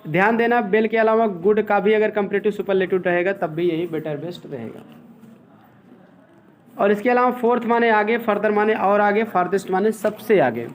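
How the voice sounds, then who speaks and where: A man walks through a grammar lesson. He explains step by step and keeps pausing to check that his students are following. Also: sits high, slight background noise. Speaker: English teacher.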